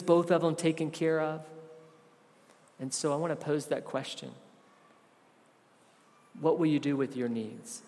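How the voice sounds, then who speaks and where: Preaching man in a reverberant hall. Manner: swings from loud emphasis to soft, low asides. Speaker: pastor. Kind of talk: sermon. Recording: long reverb of a large room.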